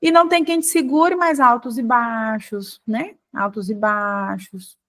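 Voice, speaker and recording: A woman's voice: a little high, fairly even intonation, fairly bright tone. Emphatic Brazilian woman teaching a class. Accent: Brazilian Portuguese. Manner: emphatic, drawn-out stressed words. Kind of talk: online class talk.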